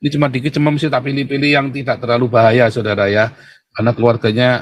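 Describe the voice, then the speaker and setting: Male pastor, casual livestream preaching, talks straight to his viewers, voice spikes high when agitated. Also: flat delivery, racing. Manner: keeps addressing listeners as brothers and sisters, pitch leaps when agitated.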